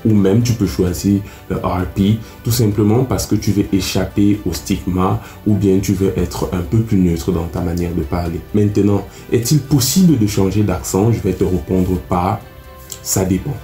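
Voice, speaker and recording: Male lesson host, low and mellow voice, explains points directly to camera, echoey room. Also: moderate pace. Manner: addresses the viewer directly, explains step by step. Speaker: English teacher, channel host. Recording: echoey room with faint music.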